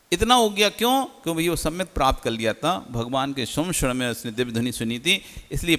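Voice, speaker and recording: एक पुरुष जैन मुनि प्रवचन दे रहे हैं, श्रोताओं से सवाल पूछकर खुद उत्तर देते हुए, उपदेशात्मक अंदाज़ में।. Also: male voice, a little high, bright, forceful tone. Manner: didactic, asks the audience questions and answers them. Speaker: Jain monk giving a discourse. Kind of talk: sermon. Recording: long hall reverb.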